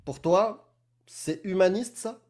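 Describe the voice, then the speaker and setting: A man's voice: high voice, takes it slowly, a little mellow. Man pressing hard in a heated debate. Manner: pressing, mocking, talks over the other. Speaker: debate host.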